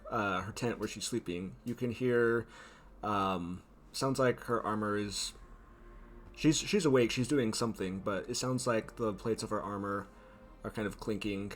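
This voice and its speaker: Male game master, low voice, unhurried descriptive narration with filler ums. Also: slight background noise. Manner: descriptive, unhurried scene-setting with frequent ums.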